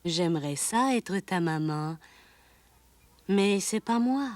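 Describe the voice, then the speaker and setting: Gentle mother cat, meowing, slow, dry close sound, Québécois accent, a woman voicing her. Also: lowish voice, lively intonation, no room sound. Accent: Québécois French. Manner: meows between words, soft and kindly.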